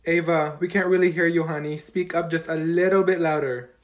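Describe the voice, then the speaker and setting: Brief: man doing a high, bright-voiced bossy teacher lady, all singsong cheer with a scolding edge. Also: fairly even intonation, a little fast, natural voice. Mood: stern. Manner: chirpy and scolding. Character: peppy bossy female schoolteacher, middle-aged.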